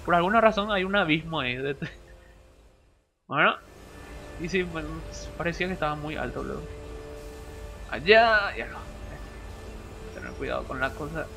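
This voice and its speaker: A young man talks over his gameplay in a slightly high voice, quick to yelp and groan and tossing in English exclamations. Game music plays clearly underneath. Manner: excitable, yelps and groans at deaths, mixes in English words. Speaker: gamer streamer. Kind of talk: casual let's play commentary.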